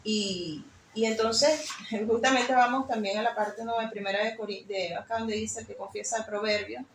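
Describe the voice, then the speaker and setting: A woman's voice: on the high side, steady tone, normal speed, a little hiss or hum. A woman sharing an emotional personal faith testimony, telling her story with many fillers. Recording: echoey room with faint ambience.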